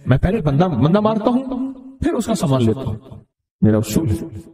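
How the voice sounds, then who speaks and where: A man's voice: on the high side, very animated, mellow. Man doing a taunting cruel robber. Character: cruel male highway robber, boastful killer. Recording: roomy echo.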